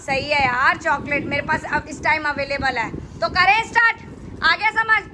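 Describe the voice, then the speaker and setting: High bright chatty vlog host. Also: female voice, normal speed, slight background noise. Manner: chatty, addresses viewers directly. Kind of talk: casual family vlog chat.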